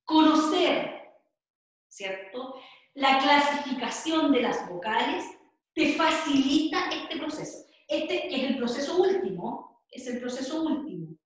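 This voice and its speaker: Chilean woman teacher, high and unhurried, patient lecturing, very echoey room. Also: sing-song. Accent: Chilean Spanish. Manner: explains patiently, adding "¿cierto?" and "¿ya?" to check in. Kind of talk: online class lecture.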